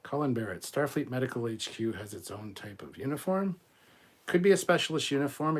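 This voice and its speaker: A man hosting a live stream, reading viewer comments aloud and answering them in a relaxed, chatty way. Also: fairly low pitch, breathy edge. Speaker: host of a live fan show.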